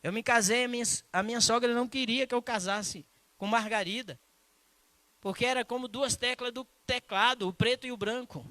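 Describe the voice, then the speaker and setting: A male pastor from preaching a sermon in a church, telling a personal story with emphasis and later slowing into hushed prayer. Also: very high-pitched, steady tone, no echo.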